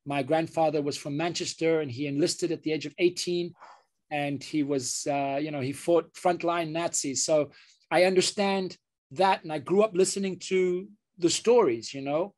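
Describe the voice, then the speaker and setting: With a fairly high, darkish-toned voice, a male surgeon with a British accent answers questions as an interview guest. He is earnest yet halting, often breaking off and starting sentences over.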